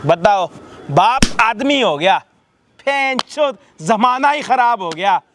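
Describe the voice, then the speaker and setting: Male host, high-pitched, harsh and rebuking, swears a lot in a staged confrontation. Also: expressive, takes it slowly, background noise. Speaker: vlog host confronting a son.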